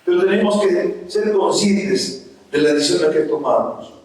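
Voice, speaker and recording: A man's voice: high voice, a little slow, a little mellow. A man preaching a sermon to his congregation, calling them brothers. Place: church. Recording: very echoey church hall, mic far off.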